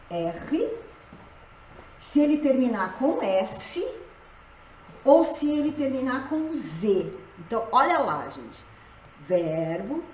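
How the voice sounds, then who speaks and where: A woman's voice: on the high side, dark tone, slight background noise. A woman teaching grammar for exams in a live online lesson, checking often that her students follow. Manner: explains slowly, checks understanding with "tá?" and "gente". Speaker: Portuguese teacher for civil service exams. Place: room at home, live stream. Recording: roomy echo.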